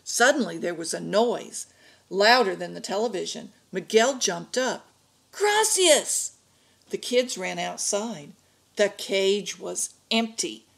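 Gravelly woman reading a storybook. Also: medium pitch. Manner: slow, expressive storytelling. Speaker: reader for an adult learning class. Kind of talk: reading a picture book aloud.

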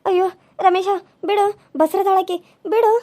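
A woman's voice: very high-pitched, little pitch movement, normal speed, dark tone. A woman voicing an older village woman who urgently pleads with a husband in a cartoon serial, speaking.

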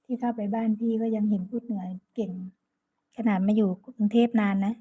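Talking into her phone on a live stream, a chatty woman from Sakon Nakhon, Northeast Thailand, greets and thanks each viewer by name in an Isan (Northeastern Thai) accent. Her voice is slightly high, mellow, soft and husky. She speaks briskly in a steady tone.

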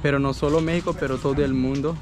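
A man in his thirties with a Kenyan accent, chatting casually for a travel vlog in English and halting non-native Spanish. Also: medium pitch, steady tone. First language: not Spanish; speaks halting, non-native Spanish. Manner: halting, searching for words in Spanish. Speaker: travel vlogger. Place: outdoors at open thatched beach huts. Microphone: handheld action camera at arm's length.

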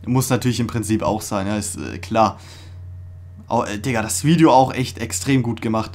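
A young man hosting a casual music reaction, talking in an excited, slangy way with many fillers and restarts, recorded in a small room. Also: on the low side, normal speed. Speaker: reaction video host. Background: faint music playing.

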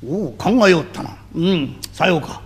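A man's voice: fairly high pitch, normal speed, slightly rough, voice pushed down. A man voicing a stern older male samurai patrol official who speaks in stiff, formal, old-fashioned language. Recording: reverberant live hall recording.

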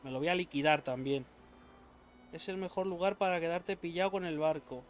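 A young man, doing let's play commentary, excitable and swearing often, yelping when attacked. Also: fairly high pitch, moderate pace, a little hiss or hum. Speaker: gaming YouTuber.

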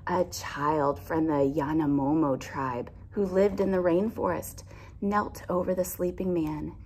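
Unhurried and fairly even in intonation, this teacher's low, darkish voice guides young kids through a picture book. She's in her thirties and reads with expression, pausing for simple explanations and questions, inside a classroom lined with alphabet displays, with clear background noise.

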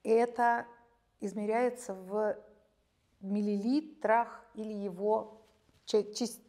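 A woman in her late fifties, a gynecologist explaining medical topics in a measured, academic way, sometimes breaking into lively storytelling, recorded on a lapel mic in a studio. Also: mid-range voice. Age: 50s. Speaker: gynecologist guest expert. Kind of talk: conversational expert explanation. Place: bright studio, seated on chair.

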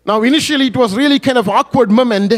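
A male pastor telling a story in a sermon, emotive and swinging up and down in volume, often correcting himself as he goes. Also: quick pace. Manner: emotive, rising and falling in pitch and volume; self-correcting with small restarts.

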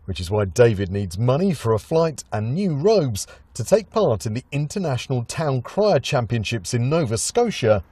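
A man's voice: medium pitch, sing-song, normal speed, hardly any pauses, a little mellow, a little hiss or hum. A man reading scripted television news narration as a reporter.

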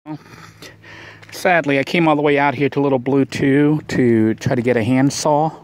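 A man's voice: medium pitch, steady tone, moderate pace, no room sound. Man thinking aloud while building outdoors. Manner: rambling, thinking aloud with many fillers. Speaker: vlogger building a shelter. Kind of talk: casual vlog narration. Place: outdoors in brush.

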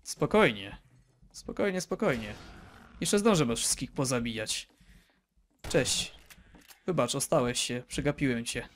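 A man's voice: medium pitch, lively intonation, a little slow, slight background noise. A man giving casual, joking commentary while playing a video game, rambling, exclaiming and talking to viewers and game characters. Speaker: let's play gamer.

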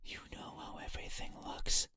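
A woman voicing an eerie night spirit that wants a person's eyes, speaking in a slow, cryptic, breathy whisper. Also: sharp tone, natural voice. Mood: menacing whisper.

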